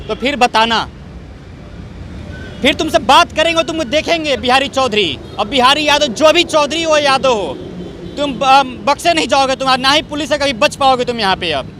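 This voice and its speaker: A man's voice: very high voice, sharp tone, slight background noise. A man reporting from outdoors, speaking with anger and accusation. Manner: angry, accusing. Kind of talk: street news report.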